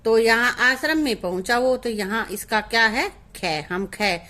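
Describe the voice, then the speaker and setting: A woman's voice: a little high, measured pace, sharp tone. A woman teaching a lesson to young children, asking questions and answering them herself in a coaxing, patient way. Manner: asks questions and answers them herself, calls pupils beta. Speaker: primary school teacher.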